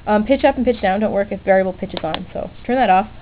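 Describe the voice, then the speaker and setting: A woman presenting DIY electronics speaks fast at medium pitch in a casual, unplanned demo. Chatty and a bit hesitant, she keeps correcting herself, and background noise accompanies the tinny, lo-fi webcam-era recording.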